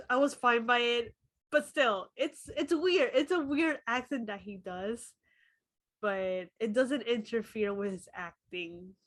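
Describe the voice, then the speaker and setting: A woman co-hosting a casual film review podcast, laughing often and thinking aloud with fillers. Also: mid-range voice. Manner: laughs often, talks through thoughts with fillers.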